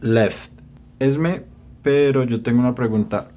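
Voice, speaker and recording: A man's voice: medium pitch, warm tone. A man acting as the student in an English lesson podcast, answering questions and repeating words carefully. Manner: slow, careful, a little hesitant. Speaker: student co-host.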